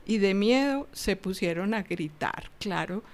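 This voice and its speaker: A woman co-presenting a Bible commentary, retelling the scene in an animated, chatty way and laughing lightly between phrases. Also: mid-range voice, a little slow. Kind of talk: conversational gospel commentary.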